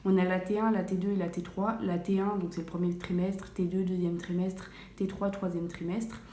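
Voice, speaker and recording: A young woman tells a long story in a relaxed, rambling vlog, filling pauses and correcting herself often. Her voice sits a little low and sounds mellow. The small tiled bathroom around her rings with echo, and a faint hum runs underneath. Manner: chatty, many fillers and self-corrections. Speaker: vlogger. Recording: echoey bathroom, faint room ambience.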